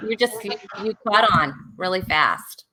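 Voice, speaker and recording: A woman's voice: medium pitch, expressive, unhurried, pushed and bright, a little hiss or hum. A woman hosting a casual live-stream talk show, laughing often and reading out viewer comments. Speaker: host.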